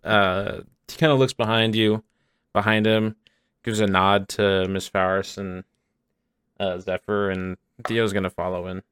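A man's voice: lowish voice, flat delivery, a little slow, fairly bright tone, clean tone, dry recording. A man playing a tabletop game, talking casually and hesitantly with many fillers. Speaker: player.

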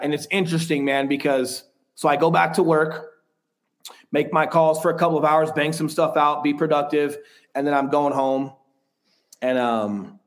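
A man in his thirties, a podcast guest, telling a personal story in a frank, rambling way with casual swearing. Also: fairly high pitch.

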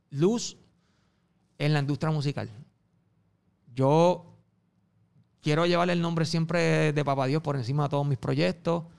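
A man with a Puerto Rican Spanish accent, a guest telling animated stories in an interview and acting out the voices of the people in them. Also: on the high side, gravelly, clean tone. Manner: acts out quoted voices, swings loud and soft. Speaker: music promoter and guest.

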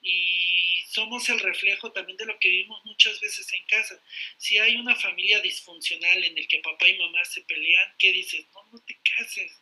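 A man talks through faith and dating advice in a casual, animated way. His voice is husky yet strikingly bright and forceful, and he drops jokey asides as he goes. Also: sits high, normal speed, poor audio. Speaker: guest. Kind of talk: casual faith-based podcast talk.

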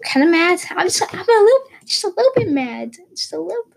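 A woman's voice: very high voice, big pitch swings, fast talker, gravelly, noisy background. A teenage girl from Portugal, vlogging in a casual, rambling way with lots of fillers and restarts. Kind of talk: casual chat.

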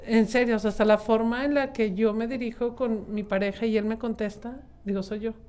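A woman's voice: fairly high pitch, steady tone, a little fast, darkish tone. A woman in her thirties with a Mexican accent, talking reflectively and rambling with many fillers in a casual group chat.

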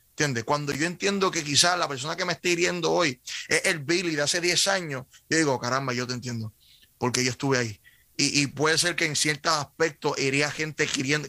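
A man's voice: a little high, pushed and bright, dry recording. A man with a Puerto Rican accent, a guest earnestly telling his faith story in casual conversation over a video call, often restarting his sentences. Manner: earnest, frequent self-corrections and restarts. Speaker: guest sharing testimony.

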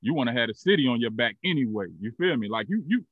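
A podcast host in his thirties asks questions in a casual interview, laid-back, loose and rambling with lots of fillers. His medium-pitched voice is animated, fast and slightly rough. The audio is narrow and tinny, with no room sound.

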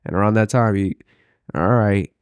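Low-voiced man, slangy casual storyteller. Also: normal speed, clean tone, dry recording, studio quality. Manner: slangy, profane, repeats phrases as he builds a story.

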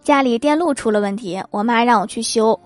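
A young woman tells short comic anecdotes in a lively, wry manner. Her voice sits a little higher than most women's. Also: a little fast, faint music behind. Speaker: comedian. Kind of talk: comic monologue.

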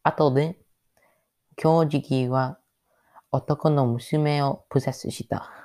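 Very slow-talking man, halting learner's speech. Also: a little high, fairly even intonation, dark tone. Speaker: podcast host. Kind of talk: solo podcast monologue.

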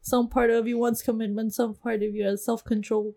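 A woman's voice: fairly high pitch, flat delivery, brisk, vocal fry, mellow. A woman co-hosting a podcast in casual chat, playful and teasing, laughing often. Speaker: podcast co-host.

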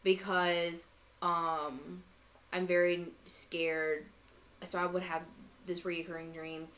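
A woman's voice: lowish voice, level tone, slow pace, a bit bright. A young woman co-hosting a podcast, chatting casually and rambling with many fillers and restarts. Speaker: podcast co-host. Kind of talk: casual chat.

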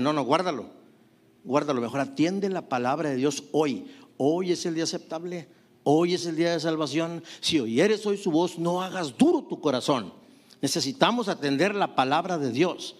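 Middle-aged man, pastor, somewhat high voice, sermon full of questions and amens. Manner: preaching with rhetorical questions and frequent "hermanos" and "amén".

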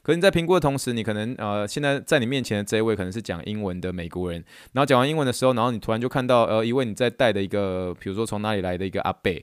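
Brief: man from Taiwan, quick animated storyteller, smooth clear voice, dry close sound. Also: fairly low pitch, dry recording. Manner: animated storyteller who acts out quotes. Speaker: podcast host and therapist. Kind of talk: casual chat monologue.

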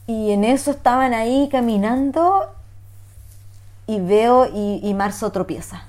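A young woman with a Chilean Spanish accent, telling a story in animated, slang-heavy casual chat. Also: on the high side, a little slow.

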